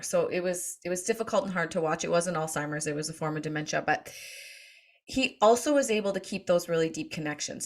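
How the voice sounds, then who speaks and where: A woman telling family stories to an audience, laughing often and acting out quoted voices. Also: fairly low pitch. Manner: warm anecdotal, laughs often, acts out quotes. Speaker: speaker. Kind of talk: storytelling talk to an audience.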